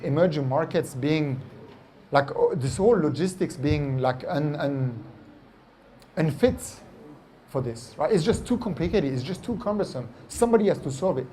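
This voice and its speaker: A French company founder answers interview questions animatedly in a French accent, frequently adding "right?" and "like." His voice is fairly high, with slight background noise.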